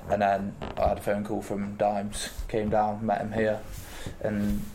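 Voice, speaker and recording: A young man in his twenties, a rugby player answering interview questions in a halting way with many pauses and fillers. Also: on the low side, completely flat delivery, vocal fry, dark tone, a little hiss or hum. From England. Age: 20s.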